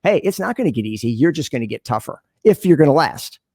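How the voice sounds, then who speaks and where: In a sing-song, fast delivery, a sales leader turned business consultant answers podcast interview questions earnestly and conversationally, often performing imagined conversations. His voice is high-ish, darkish and slightly rough. It's a dry, studio-quality recording.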